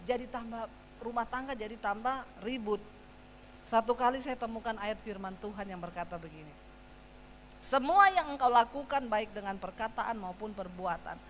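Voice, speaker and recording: Brief: middle-aged woman preacher, slightly high voice, animated storytelling, faint hum behind. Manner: animated, acts out quarrels with her husband, shifting loud and soft. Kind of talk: sermon with storytelling.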